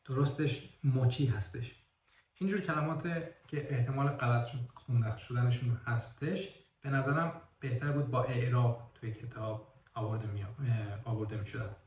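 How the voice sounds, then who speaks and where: A man's voice: mid-range voice, a little mellow, far from the mic. Man reviewing a book in a roomy echo. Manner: careful, correcting himself and spelling out words. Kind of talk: casual spoken book review.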